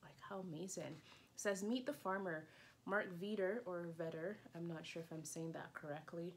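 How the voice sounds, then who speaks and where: A woman's voice: on the low side, normal speed, a little hiss or hum. Chatty woman unboxing beauty products. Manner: chatty, excitable, lots of "like" fillers. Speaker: beauty vlogger. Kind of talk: casual unboxing chat.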